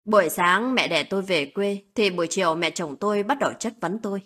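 A woman's voice: mid-range voice, brisk, fairly bright tone, husky. A woman narrating a first-person family story in a plaintive, sorrowful way.

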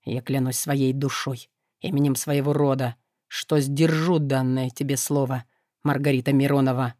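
A woman voicing a proud male demon lord of shadows in an audiobook, speaking low, measured and unhurried. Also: steady tone, dark tone, dry recording, clean studio sound. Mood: solemn. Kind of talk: audiobook character voice.

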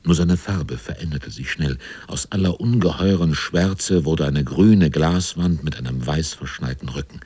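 A man's voice: rumbling low, a little slow, hardly any pauses, dark tone, slightly rough, no room sound. A man narrating a sea story in a radio drama, grave and intense.

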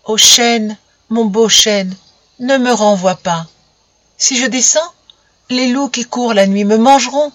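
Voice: mid-range voice, a little slow, a bit bright, no room sound, voice pushed up, natural voice. A reader voicing a frightened ten-year-old peasant boy who pleads in a raised, strained voice, in a storybook reading. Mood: pleading.

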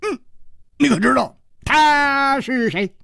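A man's voice: very high-pitched, expressive, takes it slowly, gravelly, pushed and bright, dry recording, clean studio sound, voice pushed up, exaggerated voice. A man voicing a chatty, giggling bald old man in a radio storytelling performance. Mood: boastful. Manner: teasing, cackling, rambling.

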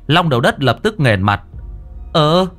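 Man, ghost story narration, dramatic, animated pitch. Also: normal speed, faint music behind.

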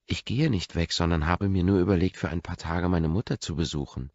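Brief: male narrator voicing a soft, placating young woman, raised voice, dull lo-fi audiobook sound. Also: sits low, fairly quick, no echo, voice pushed up. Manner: soft, appeasing delivery. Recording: dull lo-fi recording.

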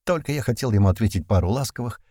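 A man's voice: lowish voice, animated, quick pace, dry recording, clean studio sound. A man narrating a first-person action audiobook in a tense storytelling manner. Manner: tense storytelling with shouted commands.

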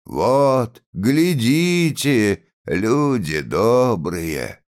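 A man voicing a defiant, beaten peasant who declaims to the crowd in a full, tight, ringing voice, slow and solemn. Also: mid-range voice, sing-song, voice pushed up.

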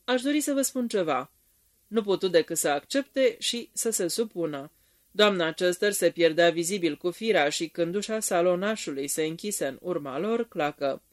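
Narrator steady storytelling, reading a novel aloud at a table read. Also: mid-range voice.

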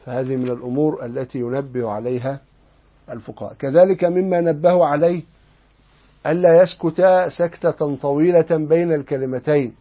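A man's voice: a little high, fairly even intonation, moderate pace. A man with an Egyptian Arabic accent teaching a lesson on Islamic law, explaining a text and asking his listeners rhetorical questions. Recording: dull lo-fi lesson recording.

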